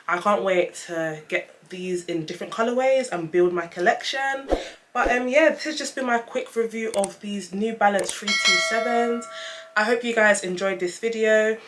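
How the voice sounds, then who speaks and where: A woman's voice: medium pitch, normal speed, background noise. A young woman with a lisp with whistling s sounds, chatting casually and emphatically as she reviews a product in a vlog. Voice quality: lisp with whistling s from dental aligners. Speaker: vlogger reviewing trainers.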